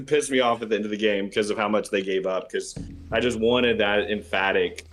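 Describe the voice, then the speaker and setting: Male co-host, low voice, heated casual sports talk. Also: normal speed, fairly bright tone, slight background noise. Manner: heated, emphatic, frustrated venting. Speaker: podcast co-host.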